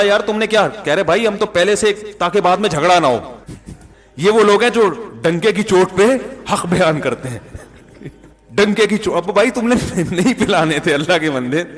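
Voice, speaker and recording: Brief: male preacher, fairly high voice, chatty storyteller in a reverberant hall. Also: fairly bright tone. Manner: chatty storytelling, acts out dialogue, laughs at his own jokes. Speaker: Islamic speaker. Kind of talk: conversational religious talk with anecdotes.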